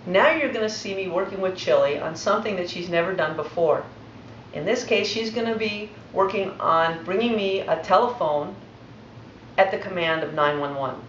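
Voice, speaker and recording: A woman's voice: on the low side, a little hiss or hum. A woman dog trainer giving a patient, methodical demonstration lesson. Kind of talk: instructional demonstration. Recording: roomy, distant, dull recording.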